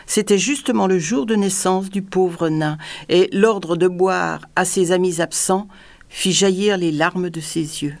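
A woman reading a story aloud in scripted narration, with even, dramatic storytelling. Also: fairly low pitch. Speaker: audiobook narrator.

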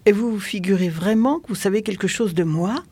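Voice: mid-range voice, a little fast, darkish tone, breathy edge, no room sound. A reader voicing an exhausted, bitter young woman who refuses to talk under police questioning, in an audiobook. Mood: defiant. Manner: bitter, tired, sighing. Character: weary defiant young woman under interrogation.

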